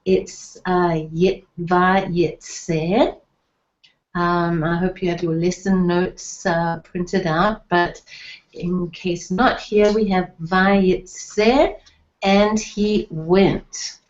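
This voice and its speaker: Slow, patient woman teaching Hebrew. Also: lowish voice, fairly even intonation. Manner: patient, spells out sounds and letters. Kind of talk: slow, deliberate online lesson. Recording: dull lo-fi recording.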